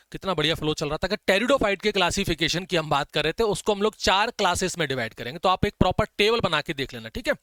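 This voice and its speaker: A male biology teacher lectures for exam prep, dictating notes and slowly drawing out key terms so students can copy them. His high voice is clear, smooth, bright, and forceful, and the recording is close and dry, with no room sound.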